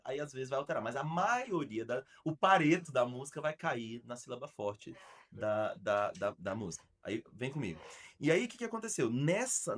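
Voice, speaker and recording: An animated Brazilian man hosts a casual podcast chat in a studio. He talks at a mid pitch for a man, stresses his points hard and often stumbles and restarts mid-sentence. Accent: Brazilian Portuguese. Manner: animated, emphatic storyteller with frequent restarts. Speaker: podcast host and arts school founder.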